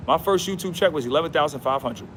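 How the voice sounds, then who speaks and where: A man's voice: a little high, animated, fast talker, slight background noise. A man hosting a casual livestream outdoors. He talks in a slangy, emphatic, repetitive way and says "bro" a lot. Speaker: livestream host.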